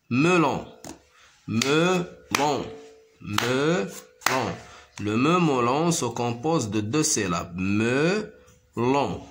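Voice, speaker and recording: Man, primary school French teacher, very slow, repeats words, counts syllables. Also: medium pitch, fairly bright tone. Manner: repeats each word slowly and counts syllables, switching to Moroccan Arabic to explain. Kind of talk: slow classroom reading lesson.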